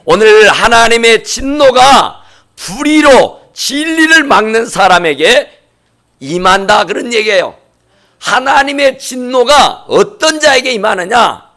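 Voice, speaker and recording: A man preaches a Sunday sermon in a church. His voice sits high and swoops dramatically, climbing to shouted exhortations before falling away at the close of each phrase. He speaks with fervent, pleading intensity. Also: very animated, measured pace. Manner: impassioned preaching, rising to shouts and dropping low at phrase ends. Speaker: pastor. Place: church sanctuary.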